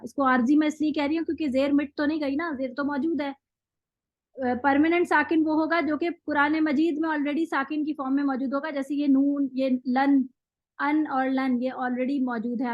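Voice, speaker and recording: A woman's voice: high-pitched, dry recording, lo-fi sound. A woman teaching Quran recitation in an online class, explaining patiently step by step and reciting examples.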